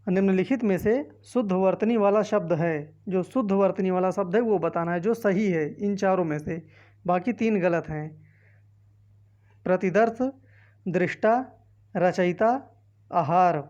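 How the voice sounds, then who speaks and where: A woman's voice: mid-range voice, warm tone, muffled recording. A woman teacher reading multiple-choice options aloud one by one and explaining each answer, with a north Indian Hindi accent. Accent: Hindi-speaking north Indian. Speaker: exam-prep teacher. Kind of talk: quiz walkthrough lesson.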